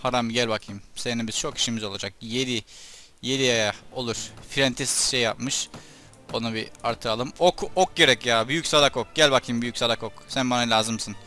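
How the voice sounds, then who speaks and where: A young man giving casual commentary over his gameplay, chatting to his troops and breaking into loud excited shouts during fights. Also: mid-range voice, a little fast, faint music behind. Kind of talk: let's play commentary.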